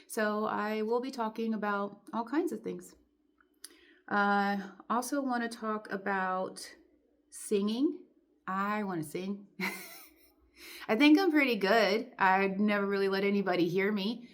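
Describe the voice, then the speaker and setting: A woman's voice: medium pitch, takes it slowly. A woman in her forties talking straight to the camera in a candid, emotional and defiant vlog, full of fillers and restarts. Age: 40s. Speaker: vlogger.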